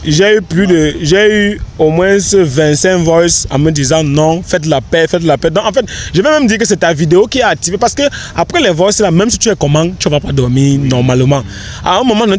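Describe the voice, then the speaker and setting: A man's voice: on the high side, a little mellow. Young man, earnest and rambling. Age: young adult. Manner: earnest, rambling with many restarts. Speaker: interviewee, content creator. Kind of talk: casual outdoor interview. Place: park bench outdoors. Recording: faint outdoor street noise.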